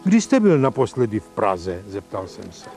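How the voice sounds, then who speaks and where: A man with a Moravian Wallachian accent, a writer reading his own memoir aloud in measured storytelling, slipping into folksy dialect for the quoted speech. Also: fairly low pitch, sing-song, darkish tone, faint music behind. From Moravian Wallachia, Czechia.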